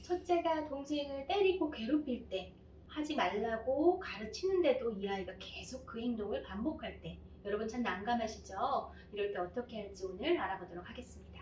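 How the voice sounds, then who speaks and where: A woman's voice: on the high side, expressive, brisk, a little mellow, echoey room, recorded from a distance, muffled recording, slight background noise. A woman parenting coach giving an advice lecture, speaking straight to viewers and posing rhetorical questions.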